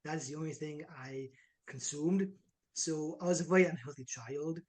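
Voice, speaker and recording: This Israeli online fitness coach, a man in his twenties, has a slightly high voice and speaks at a moderate pace. His interview style is relaxed and energetic, full of "like" and "right" tags.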